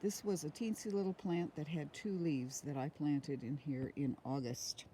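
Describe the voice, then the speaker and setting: A woman's voice: deep voice, steady tone, dark tone. Middle-aged woman rambling through a garden tour. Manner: rambling, unhurried, with frequent ums. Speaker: homesteader giving a garden tour. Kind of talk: casual walking tour narration. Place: outdoor garden in the rain. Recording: rain noise on outdoor phone audio. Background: rain.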